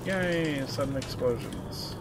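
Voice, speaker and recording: Slow-talking, wry man streaming a game. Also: on the high side, very noisy. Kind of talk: casual gameplay commentary. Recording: loud game audio behind voice.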